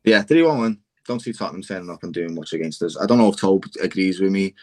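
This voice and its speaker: This young man's low voice moves fast as he makes his case in a casual football debate, his Liverpool accent strong. A Liverpool-supporting panelist, he's passionate and animated, and "lad" comes up again and again.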